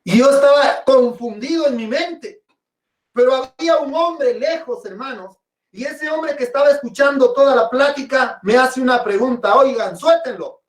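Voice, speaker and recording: Preaching at a moderate pace in a very high-pitched voice, a pastor from Guatemala dramatizes his personal testimony and calls his audience brothers and sisters. The recording sounds echoey and far away.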